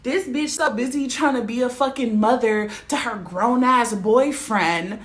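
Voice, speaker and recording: A young woman vlogging to camera in a casual, blunt rant, cursing freely and checking that her viewers follow her. Her voice sits a touch high for a woman. The room gives the recording a noticeable echo. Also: unhurried. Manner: blunt, profane and emphatic, often asking the viewer to agree. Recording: roomy echo.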